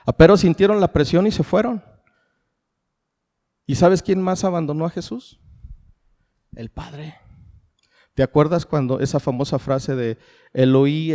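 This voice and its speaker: A middle-aged Mexican pastor preaches from the pulpit, his voice set a little high for a man yet dark and mellow in tone. He works through rhetorical questions and answers them himself. The sound rings with the long reverb of a large hall. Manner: preaching with rhetorical questions, calls the congregation "familia". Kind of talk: sermon.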